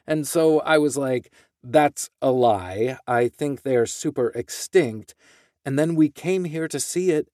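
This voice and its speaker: A man reads local newspaper stories aloud, steady and measured as he works through each quote. His voice sits at an ordinary middle pitch. The recording is dry and close, with no room sound around him. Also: dry recording. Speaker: news reader. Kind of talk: reading local news articles aloud.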